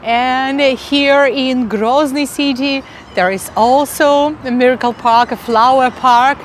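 Give me an enthusiastic woman with a Russian accent, vlogging slowly on a phone with many ums. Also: high voice, slight background noise. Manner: enthusiastic, halting with many fillers. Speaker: travel vlogger. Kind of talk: casual travel vlog narration. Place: outdoors in a city and inside a large mosque.

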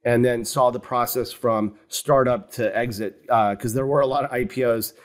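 Over a webcam video call, a fifty-something American who founded a fund recounts his career for an interviewer in a conversational exchange. He explains things in a calm, measured way with a mid-range voice, often saying "you know," while seated in a home office with wooden cabinets.

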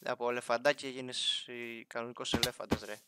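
Against a noisy background, a young man narrates his Minecraft game in a medium-pitched, level voice as a gaming YouTuber. He keeps things casual, chatting and joking with the villagers and animals.

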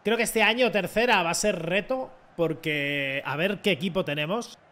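Excitable high-voiced Spanish gamer man. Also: moderate pace. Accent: Spain Spanish. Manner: excitable, mocking, swears a lot. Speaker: gaming content creator. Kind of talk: casual gameplay commentary.

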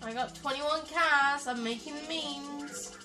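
A woman giving chatty let's-play commentary, excitably talking to the game's characters as she plays. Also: sits high, takes it slowly, recorded from a distance, music in the background. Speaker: gaming YouTuber.

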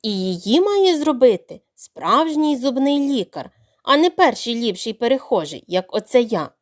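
A woman's voice: fairly high pitch, big pitch swings, moderate pace. A woman voicing a small, clever young duckling in a storybook, talking politely but firmly. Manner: polite and firm.

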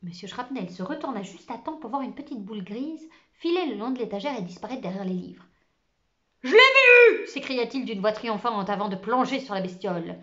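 A woman reading a children's book aloud, expressive and dropping to a hush at tense moments. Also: medium pitch, a little fast, hardly any pauses, highs cut off. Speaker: storyteller.

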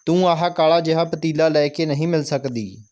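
A man's voice: on the high side, normal speed, darkish tone, natural voice. A man reading the part of a stern, bossy royal soldier in a school play, scolding in his own voice.

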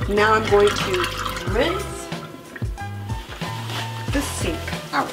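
A woman in her home kitchen, walking viewers through cleaning her sink step by step in a relaxed, practical way. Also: mid-range voice, drawn-out words. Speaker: homemaking vlogger. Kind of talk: cleaning tutorial narration. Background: background music.

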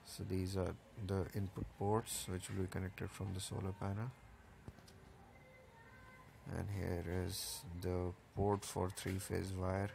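A man with a low, gravelly voice that stays fairly flat as he talks through the wiring. He explains each part plainly, one step at a time, pausing on the odd "uh". A faint hiss of outdoor noise sits underneath. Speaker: solar installer explaining a setup. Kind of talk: casual technical walkthrough. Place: outdoors at a rooftop solar installation.

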